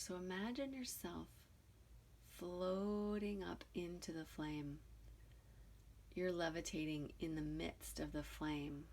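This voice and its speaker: A low-voiced woman guides a meditation in a soothing, unhurried manner, using short phrases with pauses in between and soft, breathy endings. Slight background noise can be heard.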